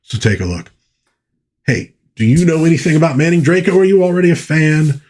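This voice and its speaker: A fairly high-pitched man with a darkish tone talks fairly quickly as he hosts a casual pulp fiction review on his pop culture channel. Rambling and often correcting himself, he addresses viewers as an eager fan and reads brief passages from the book.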